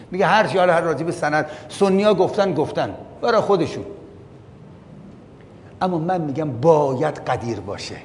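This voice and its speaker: A man giving a religious lecture. He reads out Arabic passages, explains them line by line and keeps asking his listeners questions. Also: darkish tone. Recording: long hall reverb with faint rumble.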